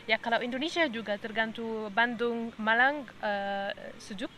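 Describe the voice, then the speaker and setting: Female podcast host, Egyptian accent, Arabic native speaking Indonesian as a foreigner. Bright, high-pitched, conversational, some background noise. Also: unhurried. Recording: noisy background.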